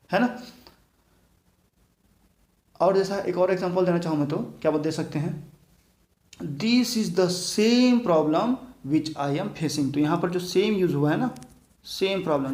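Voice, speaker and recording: A man's voice: a little high, a little mellow. A man from Chhattisgarh teaching a grammar lesson, explaining patiently and checking often that his students follow. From Chhattisgarh, India. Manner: explains patiently, keeps adding tag questions to check understanding. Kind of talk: classroom grammar lecture. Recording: echoey room.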